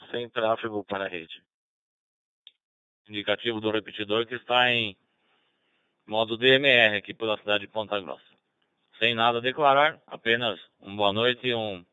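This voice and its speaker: A man's voice: lowish voice, sharp tone, smooth, dry recording, highs cut off. A man, an amateur radio operator checking in over a band-limited digital radio link. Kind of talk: radio check-in with spelled call sign.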